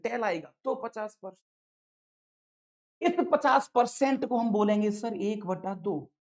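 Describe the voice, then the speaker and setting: Woman, somewhat high voice, playful maths teacher, lively exam-prep lecture. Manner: playful, talks to students as sir and dada.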